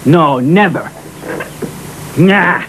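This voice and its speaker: An actor playing a proud, protective young musician in a dubbed film, speaking curtly. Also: male voice, fairly high pitch, drawn-out words, fairly bright tone, a little hiss or hum, poor audio. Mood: firm.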